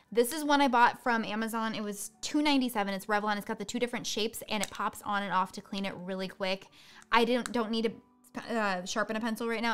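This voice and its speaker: A woman hosting a live makeup tutorial, chatting quickly through each product. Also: mid-range voice, fairly bright tone, clean tone. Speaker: beauty host.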